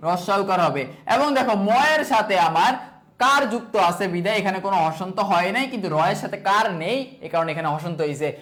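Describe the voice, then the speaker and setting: A young man runs an exam-prep class in a high voice. He poses a question, answers it himself and then repeats the rule. Casual English fillers like "okay" and "so" break up the drill. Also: expressive, quick pace, a bit bright. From Bangladesh. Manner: asks and answers his own questions, repeating rules.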